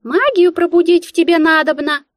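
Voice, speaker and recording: A woman voicing a cheeky, theatrical little female mouse familiar with a squeaky voice in an audiobook. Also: normal speed, dry recording, studio quality. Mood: coaxing. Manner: wheedling, theatrical, easily offended. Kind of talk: audiobook character voice.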